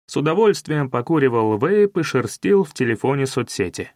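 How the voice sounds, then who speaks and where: A man narrating a detective novel as an audiobook in a wry, measured storytelling manner. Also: medium pitch, big pitch swings, darkish tone, no room sound, studio quality.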